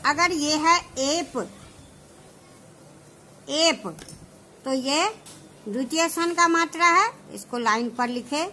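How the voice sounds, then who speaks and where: A woman teaching shorthand, explaining each step slowly and checking whether her students understand. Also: high-pitched, bright, forceful tone, a little hiss or hum. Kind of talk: slow classroom explanation.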